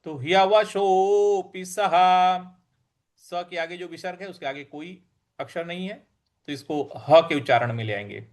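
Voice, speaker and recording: A man teaching how to recite Sanskrit verse, breaking words into syllables and repeating them slowly and deliberately. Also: a little high, a little mellow. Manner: slow, deliberate syllable-by-syllable drilling.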